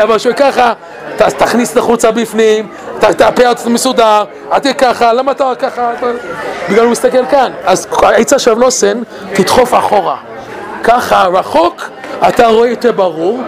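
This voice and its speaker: A man giving an animated Torah talk. He laughs often and asks many rhetorical questions. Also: very high voice, vocal fry. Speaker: Torah teacher.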